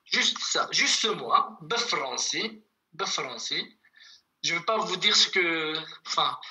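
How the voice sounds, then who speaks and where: A language teacher giving an online lesson over a video call, patiently repeating words slowly for students. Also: medium pitch, pushed and bright, low-quality recording.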